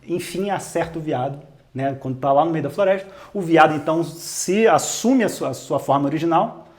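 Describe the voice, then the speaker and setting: A man with a Brazilian accent retelling a story casually, animated and joking, with many asides. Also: a little high, a little fast. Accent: Brazilian Portuguese.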